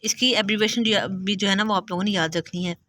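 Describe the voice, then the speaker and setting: A woman teacher giving an exam-prep lecture. She explains step by step, often says "theek hai", and slows down to read passages aloud. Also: medium pitch, steady tone, sharp tone, a little hiss or hum.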